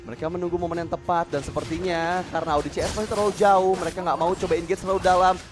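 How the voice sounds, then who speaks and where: High-pitched male Indonesian fighting game announcer. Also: racing. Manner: excited fighting game announcer delivery, shouting at peaks. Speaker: esports match commentator. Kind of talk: live play-by-play commentary. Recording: music behind the voice.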